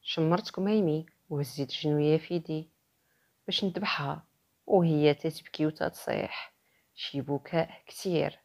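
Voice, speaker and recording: A woman's voice: sits low, normal speed, gravelly, a little mellow. Woman as a sorrowful old sheikh telling his tale. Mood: sorrowful recounting. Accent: Moroccan. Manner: earnest, storytelling.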